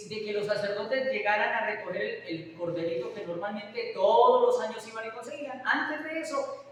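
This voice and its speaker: A man with a very high, fairly bright voice preaches a sermon in a church hall, frequently posing questions to his congregation. The recording is echoey, captured from far off, with faint hiss.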